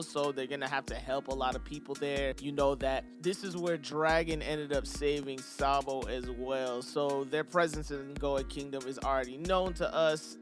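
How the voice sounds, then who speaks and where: A man with a slightly higher-than-usual voice hosts a casual review and chats straight to his viewers in loose, slangy talk. Faint music plays underneath. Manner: laid-back, slangy, talks straight to viewers. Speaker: anime channel host.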